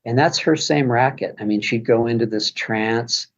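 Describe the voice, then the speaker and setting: A man's voice: medium pitch, normal speed, lo-fi sound. A man speaking as a podcast guest, rambling casually with many restarts. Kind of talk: casual conversation.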